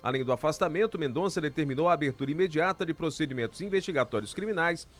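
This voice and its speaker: A man reading scripted news as a radio anchor in a formal, measured manner. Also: a little high, expressive, faint music behind.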